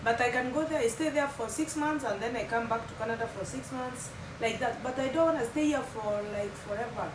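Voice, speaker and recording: In a chatty vlog, this slightly high-voiced woman talks fairly quickly with few pauses, sharing her story and mixing in Swahili phrases. She's in her thirties, from Kenya, speaks with a Kenyan accent, and grew up with Kimeru as her first language. The audio comes from a distance in an echoey room with heavy background hum.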